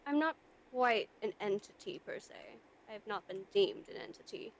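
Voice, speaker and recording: A woman's voice: medium pitch, lively intonation, moderate pace. A woman role-playing a shopkeeper in a game, speaking in a dry, matter-of-fact way and now and then dropping out of character to swear. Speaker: role-play player as a shopkeeper.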